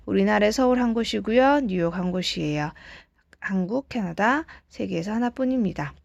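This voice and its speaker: Woman, grammar teacher, patient step-by-step lecture, gravelly voice, dry close sound. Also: mid-range voice, darkish tone, no room sound. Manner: patient, explains step by step, asks rhetorical checks. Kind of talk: recorded lesson lecture.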